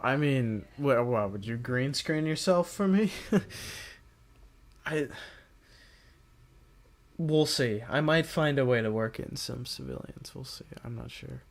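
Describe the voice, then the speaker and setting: A man's voice: medium pitch, lively intonation, slow pace, vocal fry, long pauses. Man rambling on a casual livestream. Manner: rambling, self-correcting, talks straight to viewers. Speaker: livestream host. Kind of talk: casual live-stream chat with viewers.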